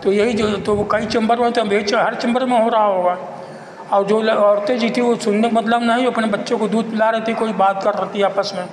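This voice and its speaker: A man giving an informal, halting and repetitive spoken account as a local citizen. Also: high-pitched, steady tone. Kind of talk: informal spoken monologue of complaint and appeal. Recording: echoey reverberant room with faint noise.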